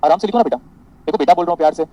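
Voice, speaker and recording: A man's voice: fairly high pitch, very fast, highs cut off. A man teaching an engineering class online, mixing Hindi and English, with a sarcastic, exaggeratedly polite manner.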